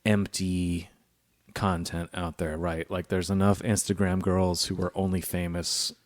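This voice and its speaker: A man's voice: low voice, level tone, measured pace, no room sound, studio quality. A man co-hosting a podcast, talking earnestly in casual chat, rambling a little and swearing freely. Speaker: podcast co-host.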